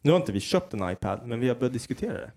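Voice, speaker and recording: Guy in his 30s, podcast cohost, rambly and animated, cusses a lot. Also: medium pitch, vocal fry. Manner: rambling, animated, swearing storyteller. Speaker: podcast co-host. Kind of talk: casual chat.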